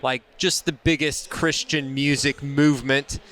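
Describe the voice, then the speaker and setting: A man's voice: mid-range voice, steady tone, measured pace, fairly bright tone. An enthusiastic man co-hosting a podcast interview at a conference, effusive in his introductions. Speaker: podcast co-host. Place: marriage conference.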